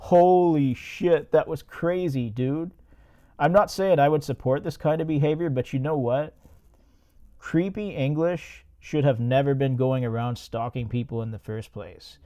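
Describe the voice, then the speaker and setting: A man's voice: medium pitch, normal speed, mellow. A man hosting a podcast, recapping and reacting to a movie in a laid-back, profane way. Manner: laid-back, profane, laughs at his own jokes. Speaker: podcast host.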